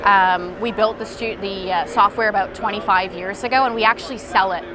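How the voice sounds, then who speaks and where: A woman's voice: medium pitch, steady tone, a little fast, poor audio. A woman company representative explaining a product conversationally in a demo at a trade show. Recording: busy outdoor trade-show crowd noise.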